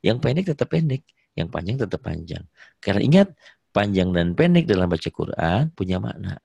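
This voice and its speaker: A man teaching Quran reading in an online lesson, patiently modelling the recitation with drawn-out vowels. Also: low voice, very animated, creaky, dark tone, slightly rough, no echo, lo-fi sound. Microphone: video call.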